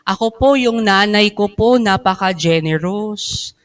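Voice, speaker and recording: A man's voice: high-pitched, unhurried, a bit bright, voice pushed up. A man voicing a polite young schoolchild who answers earnestly.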